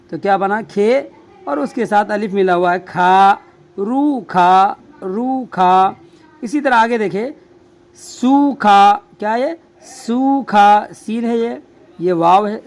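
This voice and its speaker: Slow, patient male reading teacher. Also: high-pitched. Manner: patient, drawn-out repetition of each word. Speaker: Urdu teacher. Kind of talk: slow spelling-out reading lesson.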